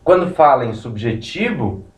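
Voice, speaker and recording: A man's voice: mid-range voice, very animated, normal speed. A man giving a law lecture, explaining step by step with many digressions as he writes on a board. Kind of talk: recorded classroom lecture. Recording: roomy, distant, muffled lecture recording.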